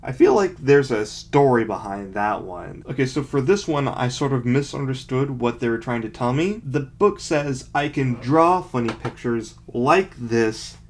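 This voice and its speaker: A man's voice: mid-range voice, expressive, measured pace, hardly any pauses. Mocking, sarcastic young man. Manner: mocking, self-deprecating; dry, sarcastic asides. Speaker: vlogger. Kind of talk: casual commentary, reading aloud from a childhood book.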